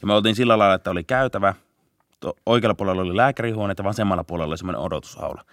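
A young man, a police officer, telling a story in a casual podcast interview, laughing often and shouting out bursts of the chase. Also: fairly low pitch, dry recording, clean studio sound. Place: podcast studio.

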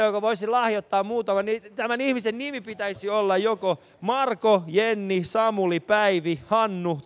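A high-pitched male radio host, energetic and often laughing. He roams a busy city street with a handheld mic, calling out names to strangers for a live charity show. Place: city street outdoors, passing traffic.

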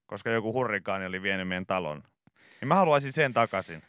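A man's voice: on the low side, animated, fairly bright tone, smooth, dry recording, clean studio sound. A man hosting a morning radio comedy show, rambling through a story with hesitations and restarts. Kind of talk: comic morning radio banter. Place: radio studio.

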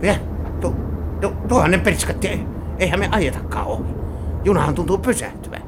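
An actor playing a gruff, grumbling adventurer who swears mild oaths, in a 1950s radio drama. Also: male voice, high-pitched, lively intonation. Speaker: adventurer hero in a radio serial. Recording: hissy old radio broadcast.

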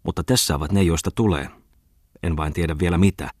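A man's voice: low voice, a little mellow, husky, no room sound, clean studio sound. A man voicing Bungman, a jovial, boastful male collector, in an audiobook reading. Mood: musing.

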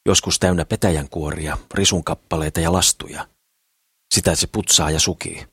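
A man's voice: deep voice, fairly even intonation, breathy edge, dry recording, studio quality. A man voicing a suspicious, pious old woman who scolds and disapproves. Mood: grumbling.

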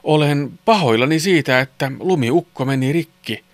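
A man's voice: fairly high pitch, dry recording, pitched above the performer's own voice, lightly acted. A man reading a children's story, doing a friendly, apologetic Santa Claus. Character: kindly male Santa Claus.

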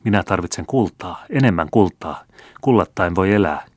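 A man's voice: deep voice, animated, dry recording. A male narrator voicing a greedy old man who pleads urgently and obsessively for gold. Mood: grasping.

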